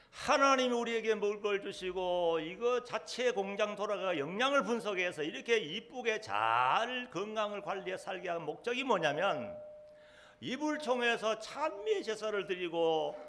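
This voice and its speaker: A pastor preaches a sermon in a fairly high voice with a gravelly edge. His pitch swings widely, and he keeps putting questions to the congregation. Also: fairly bright tone.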